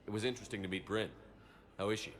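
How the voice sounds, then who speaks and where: A man playing a steady, supportive military commander in a video game, speaking in a measured, terse and calm way. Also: on the low side, natural voice.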